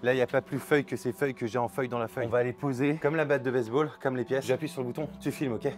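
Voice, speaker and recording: A man performing an absurd comedy sketch in his bedroom, talking to a friend who films him in a slangy, excitable way. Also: mid-range voice, very fast, soft background music. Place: bedroom at home.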